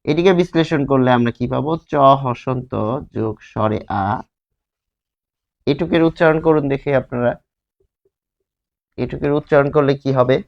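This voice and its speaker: A man teaching a grammar lesson, explaining slowly and repeating words while drawing out their sounds. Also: medium pitch, vocal fry, highs cut off.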